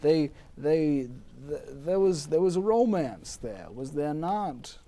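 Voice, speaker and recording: A man playing a melancholy, touchy, theatrical undead poet from the 19th century in an improvised comedy interview, with pompous archaic wording and halting, dramatic delivery. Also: fairly high pitch, lively intonation, warm tone. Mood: musing, halting. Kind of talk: improvised mock interview in character.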